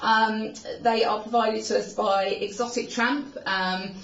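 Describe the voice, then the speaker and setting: A woman's voice: medium pitch, steady tone, measured pace, fairly bright tone. Woman with filler-laden chat, distant and roomy. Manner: chatty, many "um" fillers. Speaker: co-host. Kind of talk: casual product review chat. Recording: roomy, dull sound from a distant mic.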